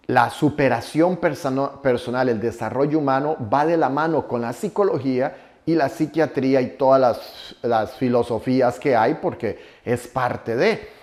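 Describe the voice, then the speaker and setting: A man's voice: medium pitch, a little mellow. A Costa Rican man in his forties giving a motivational conference talk, emphatic and colloquial, with local slang. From Costa Rica. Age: 40s. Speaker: motivational speaker.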